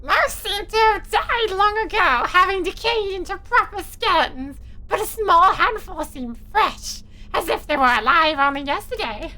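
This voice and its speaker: A woman voicing a perky, squeaky narrator as she reads horror game text aloud. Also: lively intonation, moderate pace, bright, forceful tone, exaggerated voice, rough recording. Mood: perky, grim reading. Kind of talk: dramatic reading of game text.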